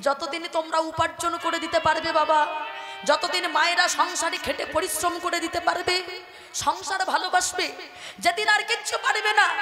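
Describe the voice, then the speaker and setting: A woman kirtan singer telling a devotional story as an emotional sermon, addressing her listeners directly. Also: very high voice. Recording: echoey hall with music.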